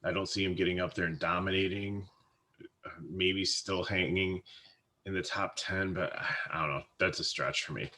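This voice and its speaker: A man's voice: low-pitched, steady tone, moderate pace, bright, forceful tone. A man co-hosting a casual fantasy sports podcast, talking in a hesitant way with frequent restarts and fillers. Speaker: co-host, fantasy sports analyst.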